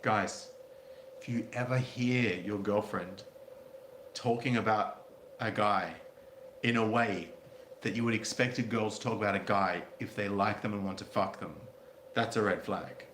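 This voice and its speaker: A man's voice: lowish voice, steady tone, a little slow, a bit bright. A man reading out a story and adding blunt, sardonic, crude commentary in a casual way. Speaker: commentary video host. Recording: roomy echo, faint background noise.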